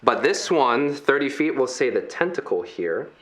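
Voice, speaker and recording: A man narrating a tabletop game as dungeon master, relaxed and playful, throwing in silly sound effects. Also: medium pitch, normal speed.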